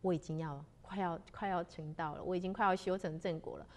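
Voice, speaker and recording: A woman's voice: fairly low pitch, fairly even intonation, fast, close to an everyday voice. A woman voicing an earnest male Taoist seeker in a spoken story. He talks plainly and with conviction. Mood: eager.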